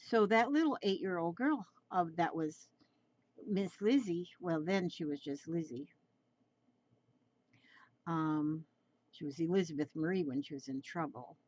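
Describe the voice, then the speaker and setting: A woman's voice: lowish voice, lo-fi sound. A woman in her seventies chatting through a drawing tutorial, rambling and coaxing, often repeating her phrases. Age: 70s.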